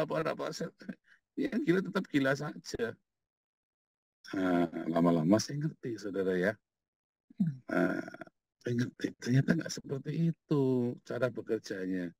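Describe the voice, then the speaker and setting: A male pastor, giving a casual sermon in blunt, colloquial speech, hammering points through repetition and swinging from quiet asides to loud outbursts. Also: medium pitch, no room sound.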